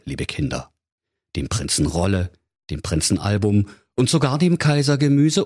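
A man narrating a humorous fairy tale for children in a playful, theatrical way. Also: medium pitch. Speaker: storyteller.

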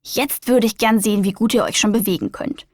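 A woman's voice: mid-range voice, brisk, a little mellow, no echo, clean studio sound, natural voice. A woman voicing a kind, patient male children's doctor in a storybook, encouraging and explaining.

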